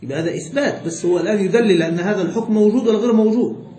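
A man's voice: high-pitched, very fast, mellow, reverberant. A man teaching a jurisprudence lesson with an Egyptian accent, stretching words and quizzing his students. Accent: Egyptian Arabic. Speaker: sheikh teaching Islamic jurisprudence. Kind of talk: classroom lesson with questions to students.

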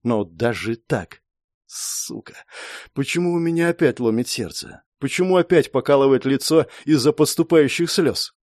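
Male audiobook narrator, first person, very lively and emotional delivery, mid pitch. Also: moderate pace, hardly any pauses, dry recording, clean studio sound.

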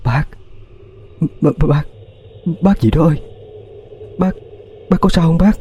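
A man voicing a frightened young woman who stammers nervously as she tries to calm someone. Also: a little high, unhurried, highs cut off, slight background noise, pitched above the performer's own voice, natural voice.

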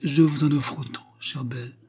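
A man's voice: mid-range voice, measured pace, warm tone, husky. A man reading aloud voices a languid, gossiping widow in her thirties, who speaks in a plaintive, sighing, theatrical way.

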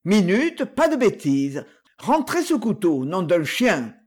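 A reader playing a composed gentleman from an old crime storybook, a husky voice with lively pitch. He speaks slowly and deliberately, brisk when he gives an order and muttering when he thinks aloud. Calm, mocking and sure of himself. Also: full character voice. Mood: urgent. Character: calm, mocking male gentleman in a night chase. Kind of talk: audiobook reading.

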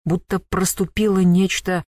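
An audiobook narrator reads a tense chapter in a measured, dramatic way. The voice sits in a middle register and is recorded dry and close, with no room sound. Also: medium pitch, level tone, darkish tone, dry recording.

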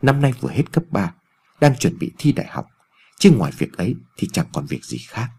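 A man narrating a ghost story in an expressive storytelling reading. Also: medium pitch, brisk, gravelly, husky.

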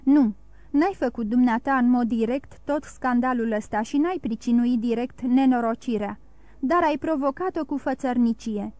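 A woman's voice: on the high side, warm tone, no room sound, lightly acted. A woman reading the part of a proud young nobleman who speaks coldly and accuses. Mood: accusing. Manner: cold, challenging, accusing.

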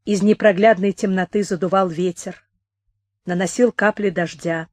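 A woman narrating a memoir audiobook in a calm, measured reading. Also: mid-range voice, no room sound, clean studio sound. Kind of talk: scripted literary narration.

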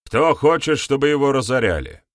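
A man's voice: medium pitch, lively intonation, fairly quick, dry recording, studio quality, voice pushed up, natural voice. A man doing an earnest, raised-voice village sorcerer. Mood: challenging. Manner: pressing, rhetorical, emphatic. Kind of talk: audiobook character voice.

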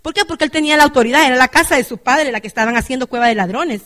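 A woman with a high-pitched voice delivers a sermon to her congregation. She turns to the listeners again and again, asking whether they follow and calling them brother and sister. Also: racing, a bit bright. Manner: keeps asking the congregation "right?". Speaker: lay preacher. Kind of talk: church sermon.

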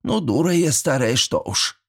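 A man's voice: medium pitch, animated, normal speed, creaky, darkish tone, slightly rough, voice pushed up. A man voicing a fussy, chatty old village woman who talks in a folksy way. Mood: fussing. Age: older.

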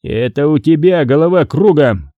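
A man voicing a menacing, contemptuous gang boss in an audiobook, talking roughly. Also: fairly high pitch, lively intonation, normal speed, dry recording, phone-quality sound, pitched above the performer's own voice, lightly acted. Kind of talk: audiobook character voice.

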